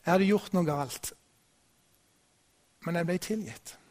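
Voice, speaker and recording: Slightly high-voiced storytelling pastor. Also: male voice, darkish tone. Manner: storytelling, conversational with restarts. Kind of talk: sermon.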